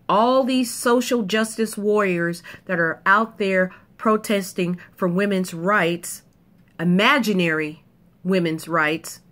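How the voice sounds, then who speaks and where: With a medium-pitched, fairly bright voice, a female video commentator speaks to camera in an emphatic opinion monologue, punchy in style and full of repetition for effect.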